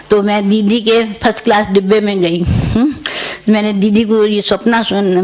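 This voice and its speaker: An older woman, a senior spiritual teacher, recounting her dreams to a retreat audience in a gentle storytelling way, repeating her phrases as she goes. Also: medium pitch. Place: retreat centre.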